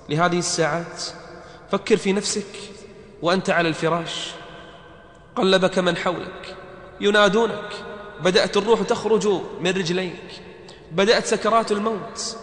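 Male preacher, high-pitched, dramatic sermon delivery, recorded in a booming echoey hall. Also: fairly bright tone. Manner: dramatic, chanting verses in melodic recitation. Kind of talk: sermon on death.

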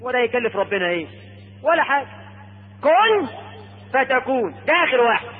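A male Egyptian preacher giving a sermon, telling the story with drawn-out, emphatic lines. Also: very high-pitched, expressive, narrow, tinny audio. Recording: echoey hall over radio broadcast.

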